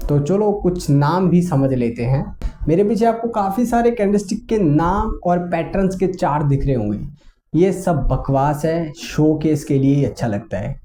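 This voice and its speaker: A man explaining chart reading in a casual, conversational lesson, often pausing on fillers. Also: on the high side, mellow, a little hiss or hum. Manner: conversational, many fillers and English words mixed in. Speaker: trading teacher.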